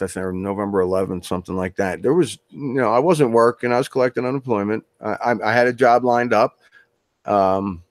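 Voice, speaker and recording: Interviewed casually as a guest author, a man with a voice on the low side chats in a loose, meandering way full of restarts. The recording has no echo.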